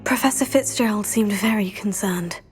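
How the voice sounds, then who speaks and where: A woman's voice: mid-range voice, normal speed, soft background music, natural voice. An actress playing an earnest, curious young student witch, in a video game cutscene.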